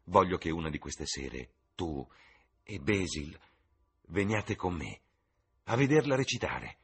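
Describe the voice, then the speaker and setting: A man's voice: deep voice, big pitch swings, measured pace, slightly rough, full character voice. A man reading an audiobook, voicing an ardent, infatuated young man with eager, rising enthusiasm.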